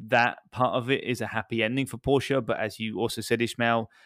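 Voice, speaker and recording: A man of middle pitch co-hosts a casual podcast, thinking aloud with many fillers. He sounds dry and close to the mic. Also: fairly even intonation, brisk, fairly bright tone, no room sound. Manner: thoughtful, rambling with fillers. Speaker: podcast co-host. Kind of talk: casual discussion.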